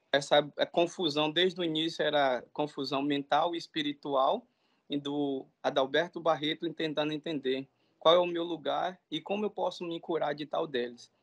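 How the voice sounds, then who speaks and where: A man in a meeting giving friendly, hesitant comments and telling an anecdote. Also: on the high side. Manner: friendly, hesitant, many fillers. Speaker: meeting participant.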